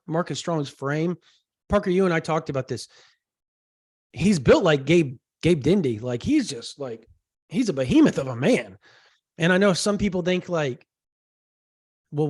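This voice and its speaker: A man with a sinus infection, congested and talking through a cough drop, chatting excitably as a sports podcast co-host. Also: fairly high pitch, dry recording, studio quality. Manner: rambling, excitable, many fillers. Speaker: co-host, recruiting reporter. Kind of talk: casual sports podcast chat.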